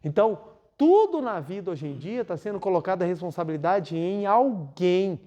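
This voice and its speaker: A man preaching a spiritual lecture in a lively, conversational way. He tells everyday stories and acts out the dialogue himself, shifting between characters as he talks. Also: high-pitched, moderate pace, lo-fi sound. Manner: lively storytelling, acting out dialogues.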